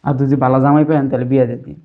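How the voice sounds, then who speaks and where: A man's voice: medium pitch, level tone, racing, phone-quality sound, close to an everyday voice. A man playing a greedy, insolent son-in-law who mocks and demands money. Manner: mocking, wheedling, insolent. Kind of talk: web drama acting.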